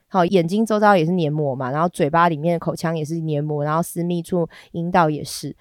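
A woman chats alone on her podcast, hoarse and nasal from a cold. Her voice sits a little low and is recorded dry and close with no room sound. She talks frankly and bawdily, rambling along with little giggles. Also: brisk, a little mellow, no room sound. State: hoarse and congested. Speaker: podcast host. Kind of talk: casual solo podcast chat.

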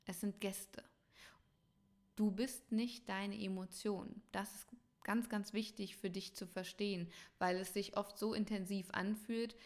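A woman coaching her listeners in a calm, measured reflective talk, addressing them directly. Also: mid-range voice. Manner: slow, thoughtful pauses.

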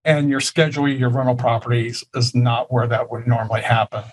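A man's voice: mid-range voice, little pitch movement, a little fast, breathy edge, low-quality recording. A man co-hosting a tax question show, explaining retirement plans and rules in a careful, practical way. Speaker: tax advisor co-host. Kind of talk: casual tax Q&A chat.

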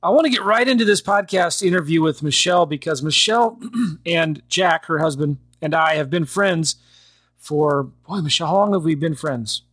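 A man's voice: a little high, normal speed, fairly bright tone, breathy edge, no room sound, studio quality. A man hosting a podcast, chatty and upbeat, often laughing as he talks. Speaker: podcast host. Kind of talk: casual podcast interview.

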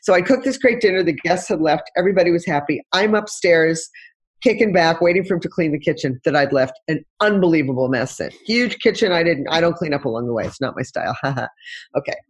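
A woman's voice: deep voice, lively intonation, fairly quick, slightly rough. A middle-aged woman, a relationship coach on a talk show, telling stories expressively and acting out the dialogue. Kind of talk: animated talk-show interview.

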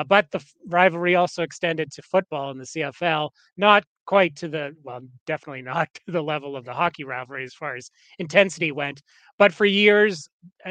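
A man's voice: a little high, fairly bright tone, dry recording. A Canadian man co-hosting a podcast in casual chat, rambling with lots of fillers and restarts. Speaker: podcast co-host.

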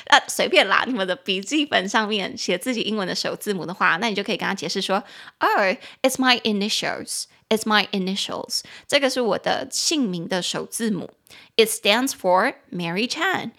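Chatty woman hosting a podcast English lesson; teasing and playful, spells out words and repeats them slowly. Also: medium pitch, a bit bright. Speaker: English teacher and podcast host.

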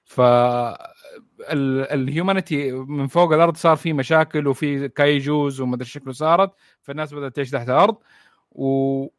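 A man's voice: mid-range voice, brisk, clean tone, no echo, clean studio sound. A man, hosting a casual podcast chat about anime in an easygoing way. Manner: relaxed, easygoing, laughs often.

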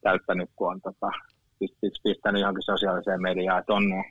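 A man in his fifties telling stories in a relaxed chat. He rambles, doubles back on his words and drops casual swear words. His dry voice comes through a slightly dull, lo-fi recording. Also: low voice, slightly rough, no room sound. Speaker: guest. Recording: dull lo-fi sound.

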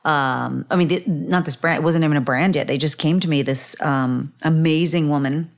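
Low-voiced woman telling a lively story. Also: moderate pace. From Mexico. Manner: lively, storytelling, swears casually. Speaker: co-host and tequila brand owner. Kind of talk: casual chat.

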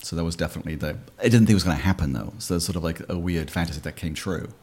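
Man, middle-aged, very low voice, fast talker, matter-of-fact, interview guest. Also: husky. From Australia and England. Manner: quick, matter-of-fact, trailing off quietly. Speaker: screenwriter guest. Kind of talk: casual interview chat.

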